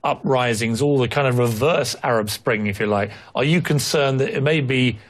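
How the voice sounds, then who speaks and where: A man's voice: mid-range voice, normal speed. Man, TV interviewer, pressing, challenging, pointed questions. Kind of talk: confrontational TV interview.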